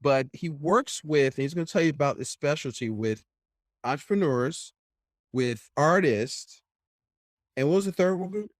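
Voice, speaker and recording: A podcast host interviews a guest, his voice pitched on the high side with lively intonation and a moderate pace. He chats casually, rambling and opinionated, often ending points with "right?". The recording is dry, with clean studio sound.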